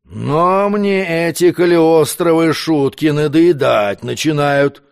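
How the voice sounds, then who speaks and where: Imperious prince, quick to anger, deliberate commanding delivery, voiced by a male reader. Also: fairly high pitch, gravelly, clear, resonant tone. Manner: commanding, scolding. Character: imperious irritable powerful prince.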